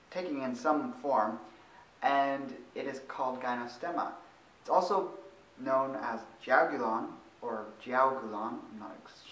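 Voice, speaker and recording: A man's voice: mid-range voice, a bit bright. A man talks through a tonic herb at his own pace, conversational and a little loose, correcting himself here and there. His voice sits in an ordinary middle register. The sound is roomy, picked up from some distance away. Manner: conversational, with fillers and self-corrections. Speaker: host of a longevity channel. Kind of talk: casual informative monologue.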